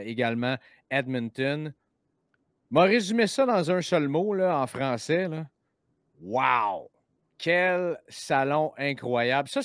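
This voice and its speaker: A man with a Québécois French accent, hosting a casual chat show, lively and quick, with many fillers and restarts. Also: on the high side, no echo, studio quality. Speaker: podcast host.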